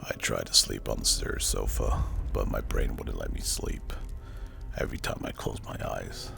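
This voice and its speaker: A man narrating a scripted first-person horror story as hushed ASMR, with a breathy, gravelly, spooky delivery. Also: rumbling low, fairly even intonation. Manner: slow, hushed, deliberate and spooky. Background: music.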